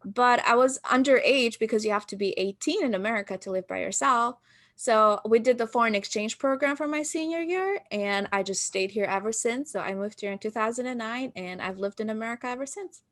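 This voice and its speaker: An Albanian woman in her thirties, who founded a marketing business, guests on a casual podcast, telling stories and acting out what she and others said. Her voice sits on the high side, with a fairly bright tone and a fairly quick pace.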